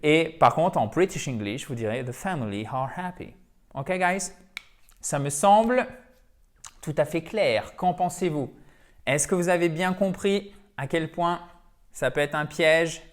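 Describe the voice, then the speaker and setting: A man's voice: fairly high pitch, animated, unhurried. French-speaking male English teacher, patient, repetitive explainer, self-correcting. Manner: explanatory, repeats himself, corrects himself. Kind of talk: grammar lesson.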